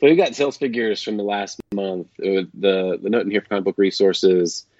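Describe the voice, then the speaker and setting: A man's voice: fairly low pitch, normal speed, darkish tone, no room sound. A male podcast host chatting casually from a makeshift travel setup, his voice slightly robotic and metallic. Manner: easygoing, chatty, many fillers and restarts. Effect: slightly robotic, metallic-sounding voice. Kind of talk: casual chat. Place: away from home at a conference. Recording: dull, dry lo-fi sound.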